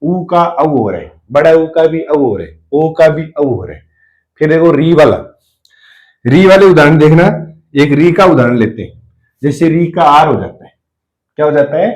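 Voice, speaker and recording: A man's voice: a little high, expressive, normal speed, a little mellow, low-quality recording. Man teaching with self-answered questions. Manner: repeats questions and answers them himself; writes while explaining. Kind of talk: spelling lesson at a board.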